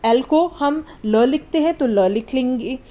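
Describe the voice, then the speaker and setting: Young woman teacher, high voice, slow and patient, spells words out letter by letter. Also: expressive, dark tone. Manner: asks the class if it is clear. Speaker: English teacher. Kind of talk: online spoken English lesson.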